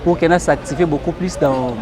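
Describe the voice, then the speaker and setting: Congolese man as guest, crowd noise outdoors. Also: on the high side. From Democratic Republic of the Congo. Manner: explains in measured French with Lingala phrases and hesitations.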